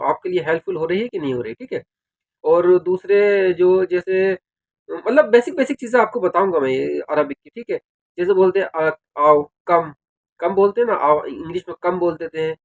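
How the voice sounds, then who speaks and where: A man casually explaining things to his viewers, often adding "theek hai" and addressing them directly. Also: high-pitched. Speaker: video creator giving advice on working in Saudi Arabia.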